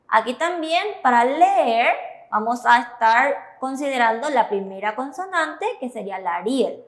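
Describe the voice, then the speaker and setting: A woman teaching Korean syllables, explaining slowly and checking understanding as she goes. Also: sits high. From Paraguay. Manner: slow, careful, checks understanding with "¿verdad?". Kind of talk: classroom explanation.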